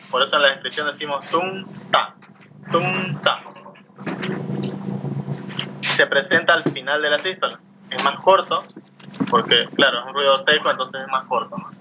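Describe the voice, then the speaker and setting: A man lecturing a class, explaining step by step and often asking his students questions. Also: on the high side. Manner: explanatory, asks students questions, frequent tag "¿no?". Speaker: teacher. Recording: muffled lo-fi mic with faint noise.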